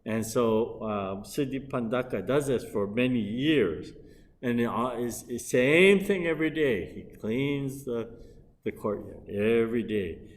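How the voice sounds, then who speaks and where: A middle-aged man, a Buddhist minister, gives a dharma lecture in a mid-range voice. He speaks unhurriedly and hesitantly, pausing often and restarting phrases, with long hall reverb on the recording.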